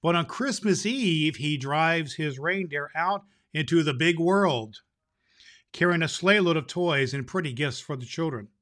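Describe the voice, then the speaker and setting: A man playing a jolly old Santa Claus who hosts a show and reads a Christmas story aloud, with booming ho-ho laughs. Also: measured pace, a bit bright. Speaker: host. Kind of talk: storytelling podcast.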